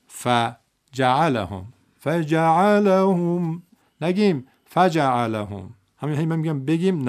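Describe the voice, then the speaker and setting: A man teaching Quran recitation, repeating words slowly to show the right and wrong way. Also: on the high side, creaky. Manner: drills words by repeating them slowly, say this, not that. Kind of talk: recitation lesson.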